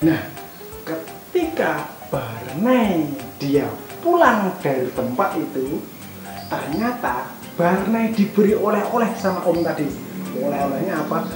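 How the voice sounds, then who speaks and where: A woman telling a Bible story to children at an online church service, gently asking them questions along the way. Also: sits low. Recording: echoey room with music behind.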